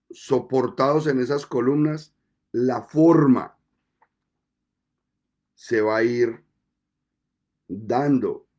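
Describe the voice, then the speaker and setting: Slow, mellow-voiced male preacher. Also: medium pitch. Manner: slow, deliberate preaching with measured pauses. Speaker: pastor. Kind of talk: sermon.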